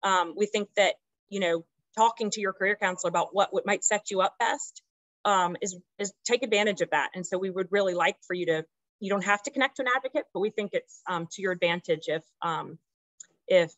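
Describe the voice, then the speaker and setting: A woman's voice: on the low side, brisk, a bit bright, dry recording, rough recording. A woman guest presenter explaining things casually on a video call, in an encouraging way.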